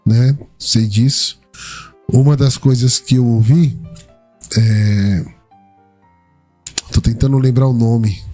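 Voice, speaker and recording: A man's voice: mid-range voice, steady tone, slow, long pauses, dark tone, soft background music. A man with a Brazilian Portuguese accent hosting a casual church podcast interview, answering the guest with short church affirmations. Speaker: podcast host.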